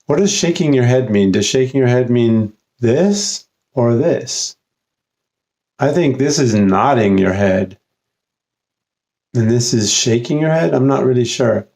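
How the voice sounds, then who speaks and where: A man explaining grammar in an unscripted lesson, his voice sitting at an ordinary middle pitch. He talks casually and unhurriedly, stopping often with fillers and restarting his sentences as he works through each point. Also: darkish tone. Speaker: English writing tutor.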